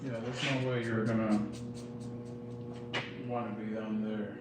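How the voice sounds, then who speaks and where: A male barber chats easily with a client, asking short, plain questions. He sounds far from the mic in a very echoey room, with a clear buzzing hum behind him. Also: on the low side, little pitch movement, unhurried. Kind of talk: casual chat.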